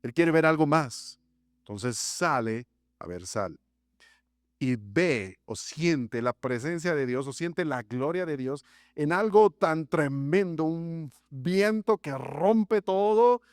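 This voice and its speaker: Male pastor, dramatic sermon delivery, fairly high voice, dry close sound. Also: animated, takes it slowly, clear, resonant tone, no echo. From Mexico. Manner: dramatic, acts out voices of the text with big pitch swings. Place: church sanctuary.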